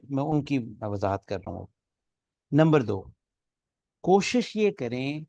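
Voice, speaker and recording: A man gives a classroom lecture on Quran recitation at a middle pitch, explaining the rules one at a time. He keeps stopping to chant sample words aloud, stretching them to show correct and wrong sounds. The recording is close and dry, with no room echo. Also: a little mellow. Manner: explains step by step, models recitation examples aloud. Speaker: tajweed teacher.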